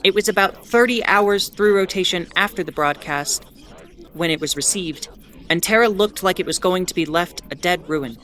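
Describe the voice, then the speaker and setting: In a scripted audio drama set on a spaceship, a woman voices a defiant, wry bulletin host, narrating solemnly like a storyteller while keeping it conversational and explanatory. Her natural voice is fairly low and a bit bright, at a moderate pace.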